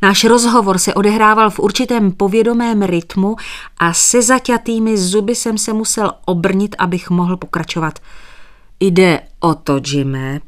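A woman narrating an audiobook in a measured, expressive reading. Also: fairly low pitch.

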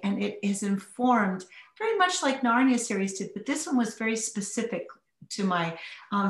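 A woman guest telling stories from her childhood in a warm, reflective, conversational way. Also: medium pitch, echoey room. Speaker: interview guest. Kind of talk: conversational storytelling.

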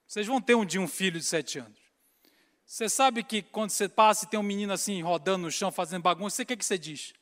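A man's voice: high-pitched, quick pace, in a large hall. A man giving a humorous sermon, acting out scenes and calling his listeners brothers. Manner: animated storytelling, acts out scenes, addresses crowd as brothers. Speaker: preacher.

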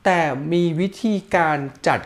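A man with a Thai accent, co-hosting a casual chat and explaining things eagerly with examples. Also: measured pace. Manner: animated, explains with examples and laughs. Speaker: podcast co-host.

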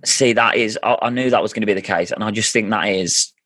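A man's voice: lowish voice, fast talker, a bit bright. A man in his thirties hosting a casual family chat, earnest and often restarting his sentences. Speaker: podcast host.

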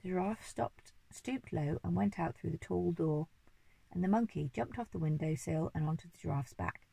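A woman reading a children's storybook aloud in an expressive, lively way. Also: lowish voice, normal speed, creaky, husky, no echo, low-quality recording. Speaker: reader.

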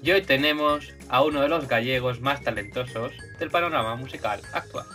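Man from hosting a podcast, mid-pitched voice, easygoing questions, faint music under him. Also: normal speed, bright, forceful tone. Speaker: podcast host. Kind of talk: podcast interview.

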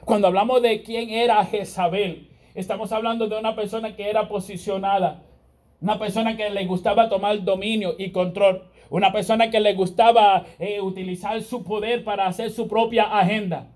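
A man's voice: high voice, steady tone, normal speed, darkish tone. A man preaching a sermon, emphatic and repeating his phrases for weight.

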